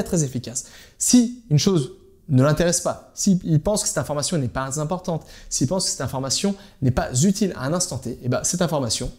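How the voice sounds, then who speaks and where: A man's voice: a little high, warm tone. A man giving an informal language-learning lesson, speaking straight to the viewer and repeating his key points. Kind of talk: informal teaching monologue to camera.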